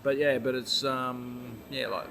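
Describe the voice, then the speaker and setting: A man's voice: medium pitch, flat delivery, unhurried, vocal fry, sharp tone, slight background noise. An Australian man with a mid-range voice talks as a podcast host. His delivery is casual and colloquial. He rambles along in a laid-back, conversational way.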